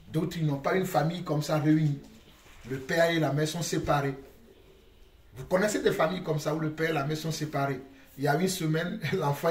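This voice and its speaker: A man's voice: on the high side, slight background noise. A middle-aged man, a father leading family worship, speaking earnestly and repeating his phrases as he exhorts his children. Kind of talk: family devotional talk. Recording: echoey room, distant mic, music behind.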